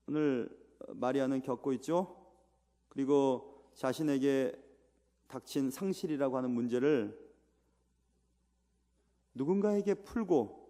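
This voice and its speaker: A middle-aged man preaching a sermon as a pastor, swinging between loud rising appeals and low quiet asides. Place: church sanctuary. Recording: long reverb of a church hall.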